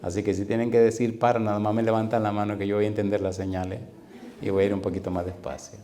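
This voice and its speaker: A man in his fifties preaching a sermon to a live audience, often asking them questions and slowing down to stress scripture. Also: on the low side, little pitch movement, warm tone. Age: 50s. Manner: engages the audience with repeated questions; slows down to stress scripture readings. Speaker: pastor.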